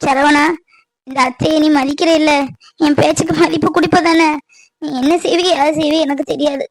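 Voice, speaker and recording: A woman's voice: high voice, fairly even intonation, fairly quick, dry recording. A woman voicing an anxious middle-aged village mother, earnestly pleading with her nephew in a cartoon. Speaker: voice actor. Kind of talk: cartoon voice acting.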